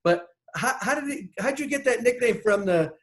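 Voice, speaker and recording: A man's voice: extremely high pitch, lively intonation, moderate pace. A man interviewing a musician for a magazine, asking questions in a friendly, chatty way.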